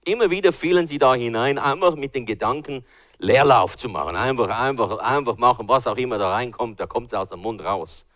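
An older man preaching a sermon with personal testimony, swinging between hushed and loud and acting out voices. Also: medium pitch, a little fast, no echo.

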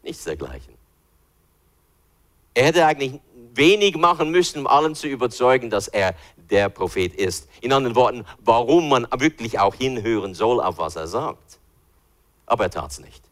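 A man's voice: medium pitch, animated, normal speed, a bit bright. A man teaching from the Bible in an informal, conversational way, thinking aloud as he looks for verses. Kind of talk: informal Bible study talk.

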